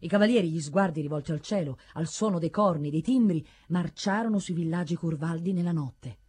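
A woman narrating an audiobook story in a measured, dramatic way. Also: fairly low pitch, darkish tone, slightly rough.

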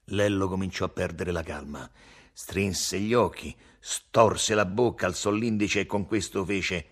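A man reading a novel aloud, expressive and vivid. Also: low-pitched, unhurried. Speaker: audiobook reader. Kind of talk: dramatic literary reading.

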